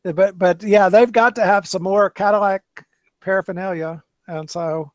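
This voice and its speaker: A podcast host keeps a steady tone and moderate pace as he chats loosely about cars, often restarting what he says. His voice sits high, and the dull, lo-fi recording has no echo.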